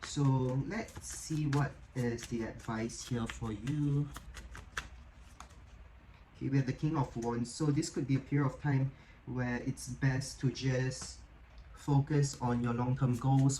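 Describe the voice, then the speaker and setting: A man's voice: medium pitch, slight background noise, rough recording. A man giving a casual, encouraging tarot reading, talking in a chatty way full of "like" and "okay?" checks. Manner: chatty, frequent "like" and "okay?" tag questions; gentle, encouraging tone. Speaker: tarot reader.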